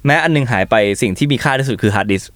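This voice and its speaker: A man telling travel stories as an interview guest, animated and casual, acting out what people said. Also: mid-range voice, rapid-fire, no echo. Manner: animated, acts out quotes, swears casually. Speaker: travel content creator guest.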